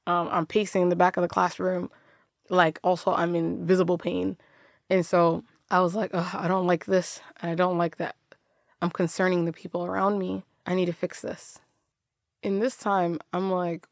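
A woman's voice: fairly low pitch, vocal fry, no echo, clean studio sound. A young woman telling her own story in a candid, conversational way, often laughing and restarting her sentences. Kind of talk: personal storytelling monologue.

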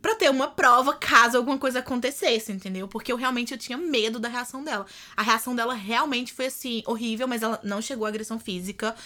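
A woman's voice: on the high side, fast, hardly any pauses, bright, forceful tone. A young woman with a Brazilian Portuguese accent, telling her story candidly as a podcast guest and acting out what others said. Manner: candid storytelling, acts out quoted speech. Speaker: podcast guest, former au pair. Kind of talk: casual interview chat.

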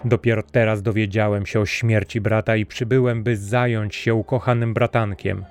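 A man's voice: lowish voice, flat delivery, moderate pace, smooth, soft background music, natural voice. A man voicing a scheming sorcerer who poses as a kindly uncle, speaking in a sweet, sly way in a storybook reading. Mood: sugary.

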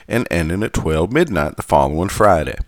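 Guy doing a genteel southern gentleman reading stuff out, lowish voice, formal, southern accent, dry sound. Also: lively intonation, a little fast, dry recording. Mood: measured, formal. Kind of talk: scripted reading.

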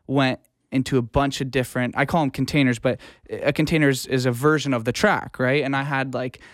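Interviewed as a guest, a male music producer and audio engineer explains things casually and informally, using examples. His mid-range voice holds a steady tone at a slightly fast pace, recorded at studio quality with no echo.

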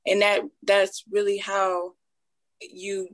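A woman's voice: medium pitch, completely flat delivery, takes it slowly, no echo, low-quality recording. A young woman calling in to the show, gushing with praise and filling her talk with "like". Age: young adult. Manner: gushing, fills her speech with "like". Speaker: caller. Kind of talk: casual chat.

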